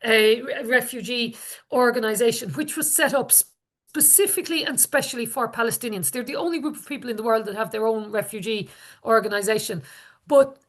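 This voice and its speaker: A woman from Galway, in the west of Ireland, speaks with that region's accent in a fairly high, fairly quick voice. She's an activist giving an informal public talk, earnest and repeating phrases for emphasis.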